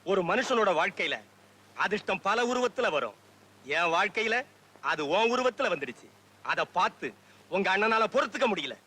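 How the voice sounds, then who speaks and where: Brief: smug upstart millionaire, high bright voice, faint hiss of an old film track. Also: male voice, animated, normal speed, pauses often, slightly rough, exaggerated voice. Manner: smug, dismissive. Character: arrogant rich man, cold and mocking. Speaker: film character. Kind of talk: 1970s Tamil film acting.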